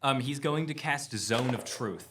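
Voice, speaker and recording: A man explains what his character does at a tabletop game, with plenty of fillers and ums. His pitch sits in a middle range. A faint noise hums underneath. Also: lively intonation, measured pace, recorded from a distance. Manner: narrates his character's actions with many fillers. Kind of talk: casual tabletop gaming chat.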